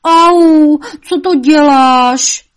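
A woman's voice: mid-range voice, lightly acted. A woman voicing a bad-tempered, curious male devil who bellows and laughs mockingly in a storybook reading. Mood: pained.

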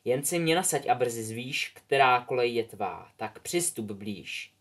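A man voicing the Sorting Hat, a slow chanting old hat. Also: mid-range voice, lively intonation, natural voice. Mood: solemn. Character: ancient singing male magic hat.

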